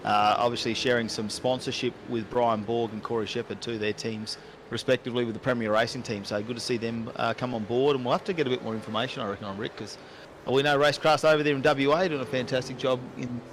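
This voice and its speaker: Fast-talking race commentator. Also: male voice, mid-range voice, steady tone, a little hiss or hum. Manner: quick, chatty, rattles off positions and times. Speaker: sim racing commentator.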